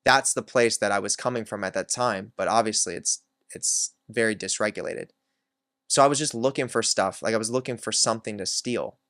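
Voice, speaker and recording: A man's voice: fairly low pitch, fairly quick, a bit bright, no room sound, studio quality. A man hosting his own channel, candidly telling a personal story in a reflective way, with many filler words. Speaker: self-help channel host.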